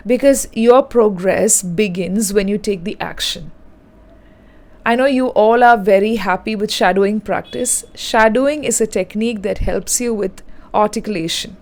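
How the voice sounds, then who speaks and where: A woman giving an online lesson in a direct, instructive, step-by-step manner. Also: mid-range voice. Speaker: English teacher.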